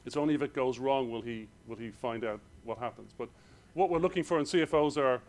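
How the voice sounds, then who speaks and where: A man with an Irish accent, giving a hurried conference presentation in a hall. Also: medium pitch. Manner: rushed, hurried delivery. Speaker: conference speaker.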